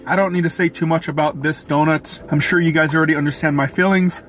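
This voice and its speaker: A man's voice: on the high side, steady tone, quick pace, fairly bright tone, soft background music. A man vlogging a casual food review from a parked car, chatting and commenting between bites. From Florida. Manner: chatty, tasting and commenting as he eats.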